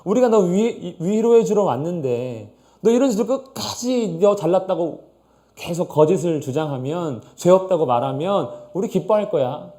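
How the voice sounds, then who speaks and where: A man's voice: sits high, moderate pace. A male pastor teaching a Bible study in a conversational way, asking his listeners questions and acting out quoted speech. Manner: acts out quoted speech in lively voices.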